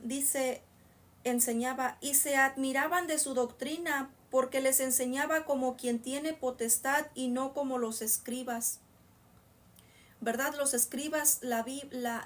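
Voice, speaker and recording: High-voiced woman explaining Bible verses. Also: far from the mic. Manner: reads a verse slowly, then explains it in rambling asides to listeners. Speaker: Bible teacher. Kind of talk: informal Bible reading and explanation.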